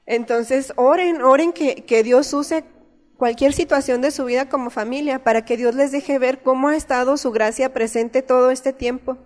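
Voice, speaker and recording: A woman's voice: high-pitched, fairly even intonation, moderate pace, darkish tone. Mexican woman preaching in a reverberant hall. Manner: earnest, conversational preaching with personal stories. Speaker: church speaker. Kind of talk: sermon. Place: church. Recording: long reverb of a church hall.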